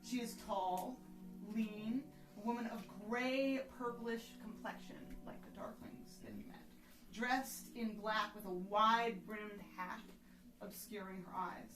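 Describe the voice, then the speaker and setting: Slow-paced woman game master in echoey room. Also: mid-range voice. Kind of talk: narrating a live tabletop game. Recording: echoey room, distant mic, music behind.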